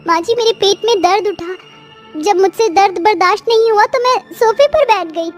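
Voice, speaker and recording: Brief: woman voicing a meek pleading young wife for a cartoon, very high voice, faint music. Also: moderate pace. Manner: pleading, soft. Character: meek pregnant young wife, gentle and patient.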